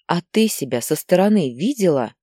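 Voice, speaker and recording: A woman reading a sharp, resentful grown daughter. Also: lowish voice, sing-song, normal speed, husky, no room sound, studio quality. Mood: reproachful. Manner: sharp, reproachful. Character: tired, resentful adult daughter.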